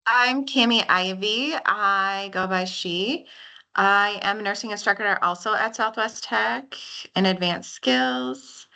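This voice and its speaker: Bright, slow-talking woman introducing herself. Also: medium pitch. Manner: tentative, trailing off. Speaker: nursing instructor. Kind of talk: self-introduction on a video call. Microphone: video call.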